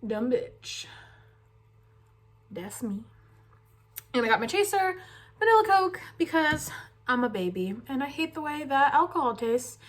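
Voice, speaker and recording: Young female beauty vlogger, fairly high voice, casual, self-deprecating. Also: expressive, a little fast, a bit bright. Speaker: makeup vlogger. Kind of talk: casual chat to viewers.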